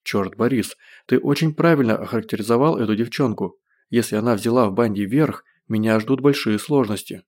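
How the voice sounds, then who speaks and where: A man reading an audiobook, voicing a scheming, self-pitying captive who talks softly and plaintively. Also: lowish voice, a little fast, few pauses, lightly acted. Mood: wheedling.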